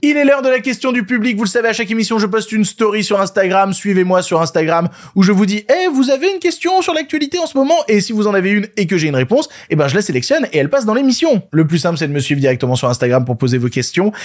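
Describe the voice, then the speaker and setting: A man's voice: high-pitched, quick pace, few pauses. A French man hosting a casual film podcast, sarcastic and ranting. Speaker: podcast host. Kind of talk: casual film news chat.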